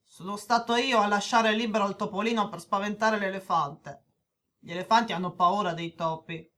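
A woman's voice: mid-range voice, fairly even intonation, moderate pace, a bit bright, lightly acted. Woman voicing a shy, remorseful little boy. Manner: hesitant, apologetic, stammering. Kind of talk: children's audio story acting.

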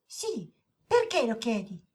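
A woman voicing a gentle, patient boy who reassures and teaches in a children's audio story. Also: fairly high pitch, sing-song, slow, slightly rough, exaggerated voice. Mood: teasing. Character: caring young brother, calm and patient.

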